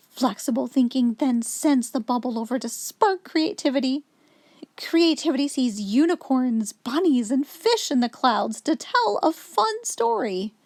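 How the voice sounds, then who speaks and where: Reading a picture book to young children, a high-voiced woman hosts as a story reader, her intonation rising and falling with great liveliness as she explains things like an instructive storyteller. The recording is dry and close, with little room and no echo.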